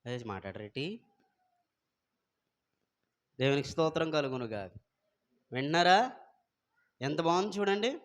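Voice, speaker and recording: Man, pastor, Sunday sermon, slightly high voice, animated, questions the congregation, loud and soft swings. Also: a little slow, pauses often. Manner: animated preaching that quizzes the congregation; swings between loud exclamations and soft asides.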